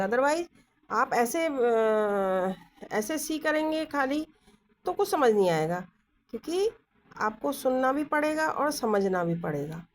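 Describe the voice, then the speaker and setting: A woman teaching shorthand at an unhurried pace, her fairly high voice rising and falling a lot as she spells out sounds and stops to ask whether the class follows. She records on a phone held in one hand while she writes at a desk indoors. A faint noise sits under the voice. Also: low-quality recording. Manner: explains slowly, with many checking questions. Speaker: stenography teacher. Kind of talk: Hindi-English shorthand lesson.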